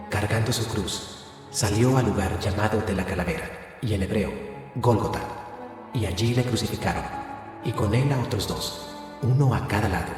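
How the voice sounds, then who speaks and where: A man, a pastor, reading scripture aloud with steady, expressive narration. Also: fairly low pitch. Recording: reverberant hall with music behind.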